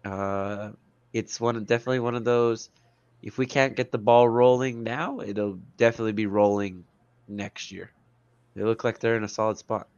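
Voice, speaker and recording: A man's voice: lowish voice, fairly even intonation, moderate pace, a little mellow, clear, resonant tone, no room sound, dull audio. Stuffy-nosed man, congested and nasal. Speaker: podcast co-host, soccer coach. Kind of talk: casual sports discussion.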